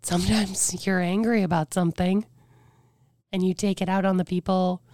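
A woman in her forties with a hoarse, weakened voice, telling her story as a podcast guest in a candid, reflective way. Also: on the low side, fairly even intonation, normal speed, a little mellow. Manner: earnest, reflective, breaks into faint whispers.

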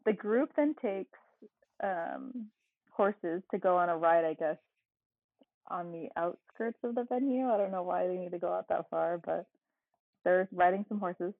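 A woman's voice: lowish voice, measured pace, vocal fry, dry recording. A woman co-hosting a podcast, casually recapping a movie plot with dry asides. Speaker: podcast co-host. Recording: tinny phone-like line.

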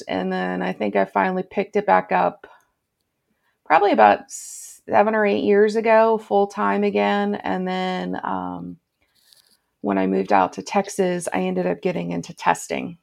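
A woman in her thirties, a guest on a podcast, chatting casually and telling lively stories, often acting out what people said. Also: mid-range voice, measured pace, gravelly. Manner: lively storyteller, acts out quoted voices. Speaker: podcast guest, crochet tech editor.

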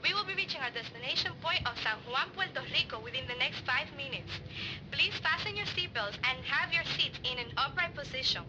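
A woman flight attendant making a formal, measured announcement over an airplane PA system, heard as a played clip. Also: high voice, expressive. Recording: lo-fi clip with loud cabin noise. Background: loud vehicle noise.

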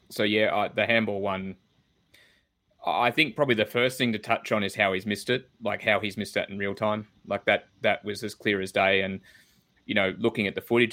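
A man with a low, level voice gives his take on a match in a casual football chat. He builds his points step by step and keeps a measured delivery. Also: a bit bright. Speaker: podcast co-host.

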